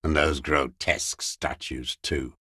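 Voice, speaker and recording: An actor playing a bitter, contemptuous old communist deserter in a video game, ranting like a zealous ideologue. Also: male voice, extremely low pitch, fairly even intonation, sharp tone, slightly rough, no room sound, clean studio sound, heavily acted. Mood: scornful. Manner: slow, contemptuous, doctrinaire ranting. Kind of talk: video game character dialogue.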